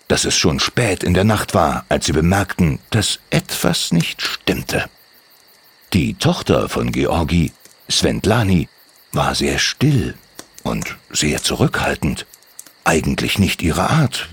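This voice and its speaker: A man reading a children's story aloud with a very expressive delivery. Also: deep voice, husky. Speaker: narrator.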